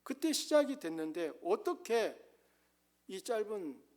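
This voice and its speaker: Earnest Korean pastor preaching, higher-voiced man. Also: big pitch swings, slow pace. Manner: earnest preaching, rising to emphatic highs and dropping to soft asides. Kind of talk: sermon.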